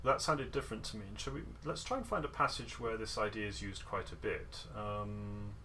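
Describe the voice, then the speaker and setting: A man's voice: on the low side, moderate pace, bright, forceful tone, a little hiss or hum. Man coaching guitar, singing rhythms. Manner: sings rhythms with nonsense syllables; playful and encouraging, detail-focused. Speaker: guitar masterclass teacher. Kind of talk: online music lesson coaching. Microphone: video call.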